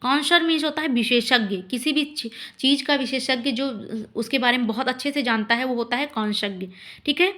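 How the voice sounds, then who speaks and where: A woman teacher giving a spelling and vocabulary lesson, spelling words out letter by letter and stressing each key word slowly. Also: high-pitched, a bit bright. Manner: repeats "ठीक है" and "अब देखिए" as fillers.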